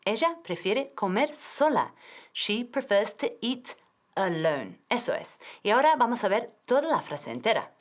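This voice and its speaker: Lively woman teaching English. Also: on the high side, a little slow. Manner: clear, drilling pronunciation, switching between Spanish and English. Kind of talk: TV language lesson.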